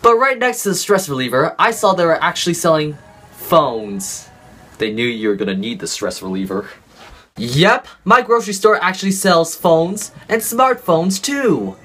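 This is a young adult YouTuber testing products for laughs in a dirt yard, playfully counting down his drop tests. He talks at a normal pace in a sharp, high-leaning voice with big pitch swings. Recorded outdoors on a camera mic, there's a slight hiss or hum.

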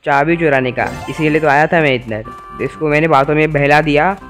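A man's voice: fairly high pitch, a little fast, a bit bright, faint music behind. A young man giving playful, teasing commentary over a video game and talking to its characters. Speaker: gaming YouTuber. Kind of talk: Let's Play commentary.

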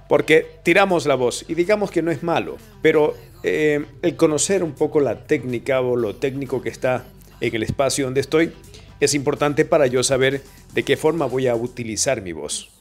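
A man teaching voice technique. He talks directly to the viewer and changes his projection and brightness on purpose to demonstrate. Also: medium pitch. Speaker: voice coach. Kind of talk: voice technique tutorial. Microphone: camera and microphone.

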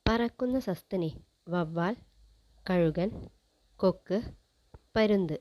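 A woman presenting a general-knowledge quiz, reading each question and its options in a measured, list-like way. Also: fairly low pitch, darkish tone, dry recording, poor audio.

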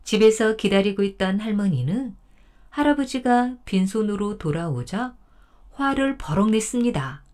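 A woman storyteller narrating a folktale in a calm, gentle bedtime manner. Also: medium pitch, normal speed.

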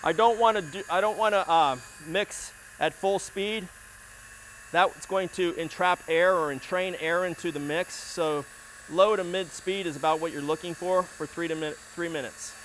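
A bit bright and pitched on the high side, the voice belongs to a middle-aged flooring demonstrator giving a hands-on lesson in a large indoor warehouse. He narrates while working, full of fillers and restarts, with slight background noise.

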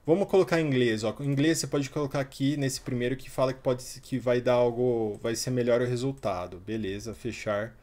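A man's voice: mid-range voice, a little fast, hardly any pauses, darkish tone. Guy in his 30s doing a chill tutorial, chatty, lots of little fillers while he clicks around. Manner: chatty, talks while clicking through a website, many fillers like "tá" and "ó". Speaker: tutorial host. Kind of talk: casual screen-recorded software tutorial.

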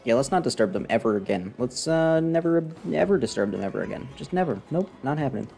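Over game music, a young adult man talks fast into a close desk mic while streaming a game. His medium-pitched voice is creaky and a little mellow, with lively intonation and a sarcastic, unimpressed, casual tone.

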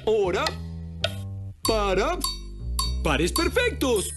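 Una mujer que dobla a un muñeco niño alegre y juguetón que guía juegos y habla a los niños que lo ven. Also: female voice, high voice, huge pitch swings, measured pace, over music, full character voice. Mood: playful. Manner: bouncy, coaxing, talks to viewers. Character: cheerful playful puppet boy leading games. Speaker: dubbed puppet character. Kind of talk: children's TV dub.

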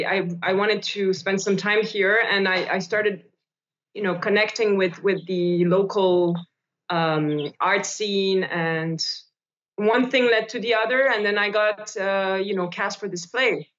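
A woman from Switzerland in her forties, an actress talking on a video call, pausing and repeating words as she thinks. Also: mid-range voice, fairly bright tone. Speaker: actress guest. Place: bright room indoors by a window. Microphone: laptop camera on video call. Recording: dull lo-fi video call audio.

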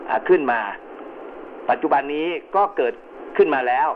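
A man explaining an emergency radio network in a measured, polite lecture, with frequent hesitation sounds, heard over a two-way radio transmission. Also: fairly high pitch, animated. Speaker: amateur radio instructor. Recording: narrow radio-band sound with faint hiss.

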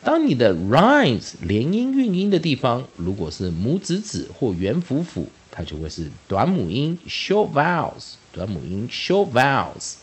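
A man's voice: unhurried, hardly any pauses, husky. A man with a Taiwanese Mandarin accent teaching English phonics, spelling out letters and repeating each word twice in a drilled lesson. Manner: lively, sing-song pitch.

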